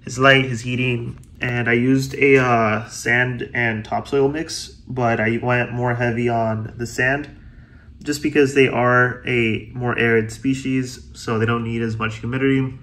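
A man's voice: medium pitch, level tone, a little slow, fairly bright tone, roomy sound. A young man in his twenties vlogging about his reptiles at home, eager and full of fillers and repeated words. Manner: enthusiastic, many fillers and repeats. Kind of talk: casual vlog. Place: room at home with reptile tanks.

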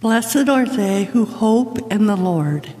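A woman reads scripture at a lectern, slow and unhurried in a solemn, measured way. Her voice is mellow and soft-edged, and the long reverb of a big church hangs after every phrase. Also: medium pitch, expressive. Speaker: lector. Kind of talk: liturgical scripture reading. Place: large church sanctuary. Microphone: lectern microphone from a far camera.

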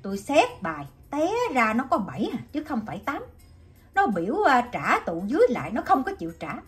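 A woman's voice: fairly high pitch, huge pitch swings, brisk, soft background music. A woman voicing an angry, quarrelsome male laborer who blusters and threatens in a storybook reading.

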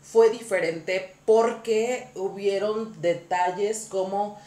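Animated woman telling a story. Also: mid-range voice, slow, echoey room. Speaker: podcast host. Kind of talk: casual storytelling chat.

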